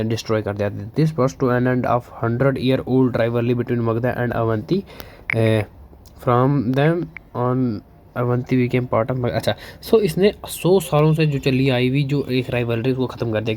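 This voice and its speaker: A man teaching history for exams, reading English lines slowly, then explaining fast in Hinglish with fillers and questions he answers himself. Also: mid-range voice, a little mellow, a little hiss or hum. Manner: keeps asking and answering his own questions. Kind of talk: exam-prep lecture.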